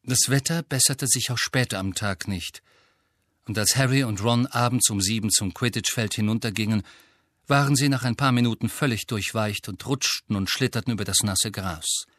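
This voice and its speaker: Steady male audiobook narrator. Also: fairly low pitch, no room sound, clean studio sound. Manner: steady, measured reading. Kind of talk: scripted narration.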